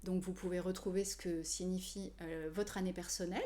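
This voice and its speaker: Hesitant French woman, mellow voice. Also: on the low side, flat delivery. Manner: measured, frequent hesitations with "euh". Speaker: numerology coach. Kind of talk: explanatory video talk to viewers.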